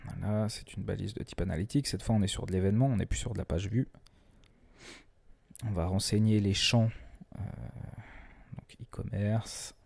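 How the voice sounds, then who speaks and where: A man presenting a screen-recorded software tutorial in a relaxed, chatty way, often hesitating and restarting his sentences. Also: on the low side, moderate pace, gravelly, long pauses, breathy edge. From France. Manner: self-deprecating humor.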